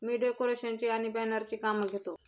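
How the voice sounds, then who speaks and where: A woman's voice: on the high side, flat delivery, moderate pace, natural voice. A woman reading the lines of a plain working man giving his account as a witness, matter-of-fact. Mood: testifying.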